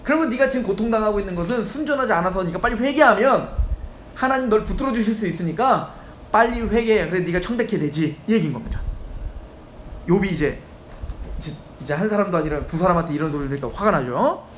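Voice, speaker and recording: Speaking quickly in a high register, this male pastor moves between reading scripture and voicing biblical figures in casual speech during a lively expository sermon. It was recorded in an echoey church sanctuary with faint ambience and a slight background noise.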